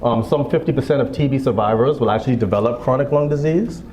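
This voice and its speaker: A man from the Bahamas in his thirties, a physician giving a fundraiser speech with a relaxed manner and joking asides. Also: mid-range voice, quick pace. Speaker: guest speaker, physician. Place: event hall. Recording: echoey hall with background noise.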